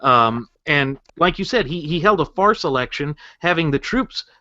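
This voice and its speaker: A man's voice: fairly high pitch, animated, moderate pace, pushed and bright, no room sound. A man co-hosting a political talk show, arguing his points earnestly and building them with rhetorical questions. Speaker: co-host. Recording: dull muffled lo-fi audio.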